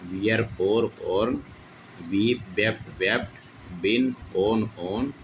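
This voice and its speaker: A man teaching English grammar in Hindi with a Hindi accent, repeating each verb form slowly in drill style. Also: fairly low pitch, noisy background. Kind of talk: classroom lesson reciting verb forms.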